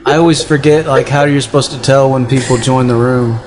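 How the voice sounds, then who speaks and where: A man's voice: medium pitch, steady tone, brisk, background noise. A man hosting a metal radio show, laid-back and swearing freely, with enthusiastic interjections. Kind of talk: casual chat, heavy swearing.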